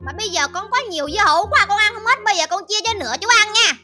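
Brief: very high-pitched chattery woman, whiny exclamations, game skit, music behind. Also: expressive, racing. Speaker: co-host character. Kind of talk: game machinima role-play.

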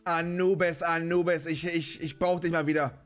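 Excitable young German-speaking streamer, higher voice. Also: male voice, moderate pace, over loud music. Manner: excitable, exclaims and curses at the game. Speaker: gaming streamer playing with friends. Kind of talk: excited multiplayer gaming chat.

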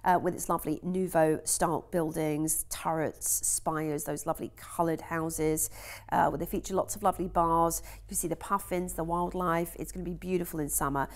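A woman's voice: sits low, fairly even intonation, moderate pace. Enthusiastic woman presenting cruise deals. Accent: English. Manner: chatty, enthusiastic, frequent ums. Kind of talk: TV shopping channel presenting.

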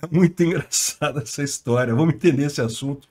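Man, Brazilian Portuguese accent, slightly high pitch, channel host, casual news commentary, slangy, laughs often. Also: quick pace, a little mellow.

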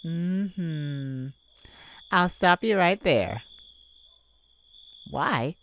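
In an intimate ASMR roleplay, a woman plays a playful, flirtatious immortal vampire, teasing and dramatic with lingering pauses. Her lowish voice is expressive, a little bright, and heavily acted.

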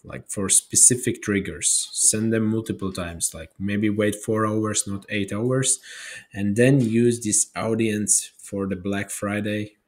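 A man in his thirties giving a plain, practical screen-share software tutorial, with small grammar slips, recorded at his desk by webcam. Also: fairly low pitch, fairly even intonation, takes it slowly. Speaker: tutorial host. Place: indoor room, webcam overlay.

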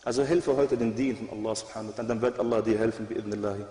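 A man's voice: lowish voice, fairly even intonation, rapid-fire, warm tone. A man preaching a sermon in an earnest, exhorting manner, recorded with echoey hall reverb.

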